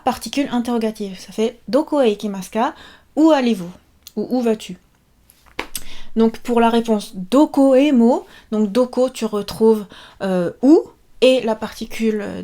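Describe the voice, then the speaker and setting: Woman, casual online language teacher, fairly high voice, bouncy and chatty with lots of fillers. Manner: lively, chatty, many fillers, playful asides. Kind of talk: casual video lesson.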